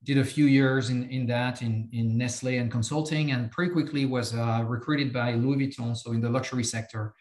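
A French man in his fifties, speaking with a French accent, appears as a company chief executive guest on a podcast interview. His medium-pitched voice is steady and darkish, and he halts often, full of repeated words and fillers, in an echoey room.

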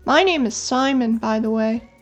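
An older woman putting on a tiny polite bird from a storybook, his voice lifted high and light. He speaks sweetly and earnestly, eager to apologize. Soft music lingers faintly underneath. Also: moderate pace, lightly acted.

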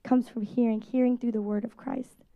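A woman in her thirties, a pastor, giving a conversational, animated sermon to a congregation. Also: fairly high pitch, moderate pace, phone-quality sound. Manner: conversational, animated preaching with quoted voices.

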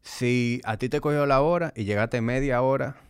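A man's voice: medium pitch, moderate pace, smooth, no room sound, clean studio sound. A man hosting a podcast as a fitness trainer, talking conversationally and explaining things directly to the listener. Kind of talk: conversational solo podcast monologue.

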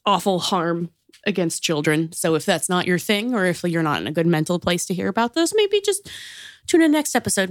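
A woman's voice: lowish voice, no room sound. Chatty American woman, dry close sound. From United States. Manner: chatty, laughs often, many fillers. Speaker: podcast co-host. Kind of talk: casual true-crime podcast chat.

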